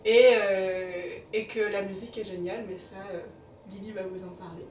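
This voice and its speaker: A woman's voice: medium pitch, steady tone, moderate pace, darkish tone, recorded from a distance. A woman guest chatting casually about a film, hesitant and searching for words. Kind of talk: casual chat. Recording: roomy, off-mic, faint noise.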